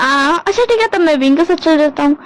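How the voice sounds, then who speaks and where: A woman's voice: sits high, lively intonation, fairly quick, poor audio. A woman doing a whiny, dramatic young man. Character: dramatic, teasing young man, easily offended.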